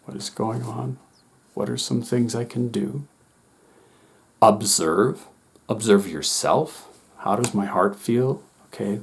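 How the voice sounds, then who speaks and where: A middle-aged man, a former wilderness instructor, calmly explaining a coping technique to teachers in a steady, reassuring way. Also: fairly low pitch, creaky, husky. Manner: calm, steady, gently reassuring. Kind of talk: calm instructional talk to teachers.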